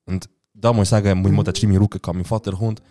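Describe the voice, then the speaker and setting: A man's voice: lowish voice, very fast. A man with a Swiss German accent, co-hosting a casual podcast chat and telling stories full of acted-out quoted dialogue. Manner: animated storyteller acting out quoted dialogue. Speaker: podcast co-host.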